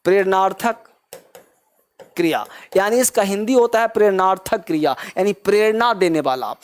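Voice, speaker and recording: A male English teacher, lecturing a class and drilling pupils with repeated questions, addressing them in a fatherly way. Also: high-pitched. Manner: calls listeners "beta", fatherly.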